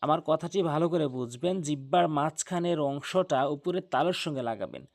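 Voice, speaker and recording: A man's voice: on the high side, animated, normal speed, vocal fry. A man teaching Arabic letter pronunciation for Quran recitation, drawing out each letter sound and repeating every step patiently. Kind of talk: slow instructional pronunciation lesson.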